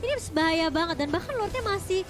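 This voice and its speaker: A woman calling a live game match excitably, like a fighting game announcer. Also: very high-pitched, fast talker. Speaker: esports shoutcaster. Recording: music behind the voice. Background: music.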